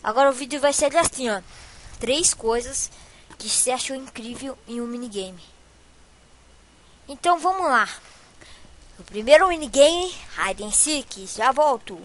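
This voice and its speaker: Gaming host: woman, piercingly high voice, panicky and shrieky while playing. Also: unhurried, long pauses, a little hiss or hum. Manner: panicky shrieking, dramatic exclamations. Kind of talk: Minecraft gameplay commentary.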